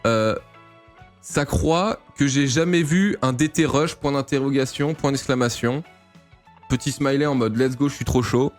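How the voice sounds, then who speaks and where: A man from France casually commentating a game replay, playful and teasing, with loud exclamations and swearing. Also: medium pitch, a little slow, faint music behind. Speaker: StarCraft grandmaster analysing a replay.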